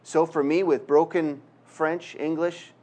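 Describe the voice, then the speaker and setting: A middle-aged guest preacher from Quebec, with a Canadian accent, delivers a conversational sermon mixing self-deprecating humor, jokes, and prayer. His voice is fairly high and level, a little slow, with a dark tone.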